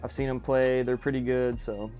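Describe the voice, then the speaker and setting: A young man, casually running through his picks in a relaxed, repetitive vlog chat. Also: mid-range voice, normal speed, faint music behind. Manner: laid-back, drawling, repeats himself, filler words. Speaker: fragrance vlogger.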